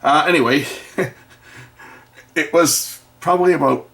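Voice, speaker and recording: A middle-aged man tells a casual, rambling story with wry humour as he tinkers at his bench. He drops into quieter muttered asides about the repair now and then. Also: a little high, slow pace, creaky. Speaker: video maker and electronics tinkerer. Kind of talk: casual anecdote told while repairing.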